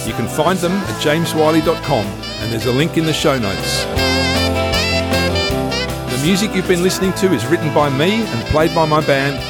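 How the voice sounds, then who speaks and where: A podcast host reads a scripted first-person travel memoir in a studio on a close microphone, telling it in a wry, self-deprecating, measured way. His voice is a little high and animated, set over loud music.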